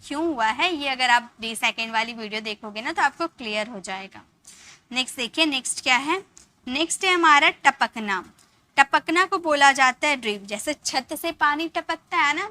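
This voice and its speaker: A woman teaching English verbs, repeating example sentences slowly with an Indian English accent. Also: high voice, pushed and bright. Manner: slow, drawn-out model sentences repeated for learners. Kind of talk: spoken English lesson.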